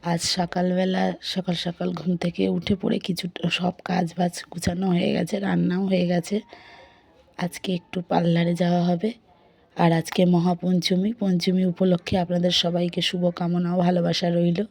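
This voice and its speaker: A woman's voice: fairly low pitch, monotone, moderate pace, vocal fry, darkish tone. A young woman with a sore throat, chatting through her day in a casual vlog and recounting her chores and family talk. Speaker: vlogger. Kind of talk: casual daily vlog narration.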